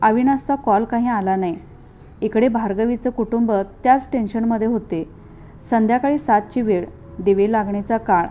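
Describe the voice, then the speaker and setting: A woman storyteller reads scripted narration at a calm, measured, heartfelt pace. Her voice sits a little high. The recording has a slightly dull, lo-fi sound. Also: slight background noise.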